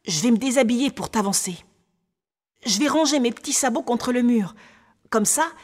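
A woman's voice: on the high side, pitched above the performer's own voice, lightly acted. A woman voicing a trusting, eager little peasant boy in a storybook reading. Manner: bright, chattering, innocent. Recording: long hall reverb.

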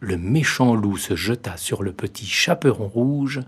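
Slow, husky male storyteller. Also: lowish voice. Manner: slow, expressive storybook reading. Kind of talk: fairy tale read aloud.

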